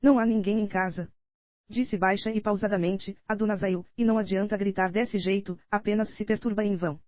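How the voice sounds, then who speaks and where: Voicing a scheming older nobleman, a Brazilian woman reads an audiobook fairly quickly at medium pitch, with fairly even intonation and light acting. Her own voice comes through steady, slightly dull and dry, pleading and insistent, with a Brazilian Portuguese accent in a dry recording.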